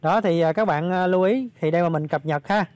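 Slightly hoarse man, chatty vlog. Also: sits high, quick pace, darkish tone, no echo. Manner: chatty, many fillers, addresses viewers directly. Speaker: crypto channel host. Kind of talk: casual screen walkthrough vlog.

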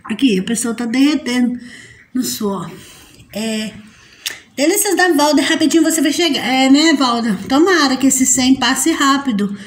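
A woman with a high, bright voice chats through a live stream and greets viewers by name. She laughs often and sounds affectionate. The sound is roomy, with a noticeable echo. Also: animated, moderate pace. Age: adult mother. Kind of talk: casual live stream chat reading out viewer comments.

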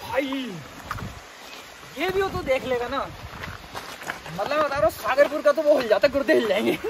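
A young man hosting a travel vlog outdoors, talking excitedly and playfully to viewers. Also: very high-pitched, normal speed. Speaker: travel vlogger. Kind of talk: casual outdoor vlog chat. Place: outdoors by a waterfall. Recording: outdoor waterfall noise.

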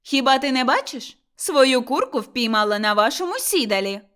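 A woman voicing a furious, quarrelsome young village wife who shouts shrilly. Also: high voice, lively intonation, moderate pace, voice pushed up. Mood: defiant.

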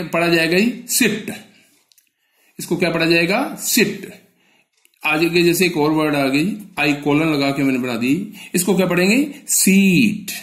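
A man's voice: on the high side, fairly bright tone, roomy sound. A male teacher in an exam-prep lesson. He asks questions and answers them himself, and he keeps addressing the students with a polite "ji". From northern India.

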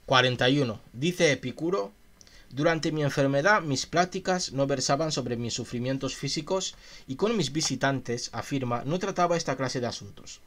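A man's voice: mid-range voice, moderate pace, a bit bright. Chatty man musing on a stream. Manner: reads passages aloud then muses with chat in a chatty, questioning way. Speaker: streamer reading philosophy. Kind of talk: casual reading and commentary on a livestream.

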